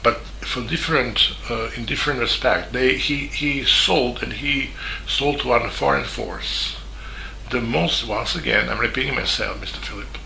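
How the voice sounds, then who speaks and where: Halting Serbian-accented man, bright tone. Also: medium pitch, creaky, a little hiss or hum. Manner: halting, with many fillers and restarts. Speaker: journalist. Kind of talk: spoken statement. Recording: echoey room with faint ambience.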